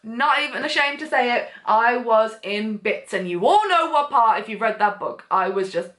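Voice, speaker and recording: A woman chattily recommending books, gushing and full of fillers with big swings in pitch. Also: lively intonation, normal speed, a bit bright. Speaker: book vlogger. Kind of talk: casual book recommendations. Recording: echoey room.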